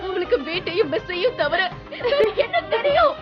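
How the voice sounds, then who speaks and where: A woman's voice: very high voice, sing-song, normal speed, highs cut off. An actress playing a distraught young woman who cries and accuses her husband in a TV serial. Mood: tearful. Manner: tearful, pleading, accusing. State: crying. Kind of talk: TV serial acting. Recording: with background music.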